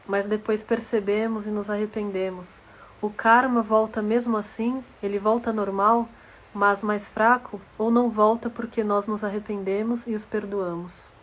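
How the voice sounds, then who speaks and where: Woman reading out a question, calm measured tone, medium voice. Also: mid-range voice, low-quality recording. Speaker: moderator reading a viewer question.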